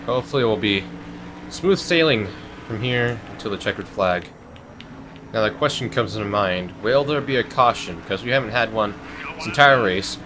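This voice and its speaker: A young male gaming-channel host gives chatty, casual commentary on his gameplay, rambling with filler words and getting excitable. His voice sits on the low side at a normal pace, with game music and other background noise behind him.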